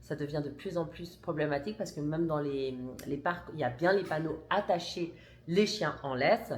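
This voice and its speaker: A woman's voice: low-pitched, moderate pace, slight background noise. A mother vlogging to camera, telling a story emphatically and indignantly, with restarts and blunt words. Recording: roomy echo.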